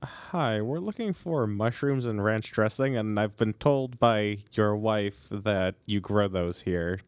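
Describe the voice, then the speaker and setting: Deadpan low-voiced male player. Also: unhurried, clear, resonant tone, no room sound. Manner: dry, deadpan sarcasm. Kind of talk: in-character tabletop role-play.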